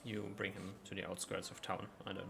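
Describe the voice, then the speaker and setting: A man with a low voice works as game master, narrating a tabletop adventure in a casual way. There is faint noise behind him. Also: little pitch movement, brisk, vocal fry.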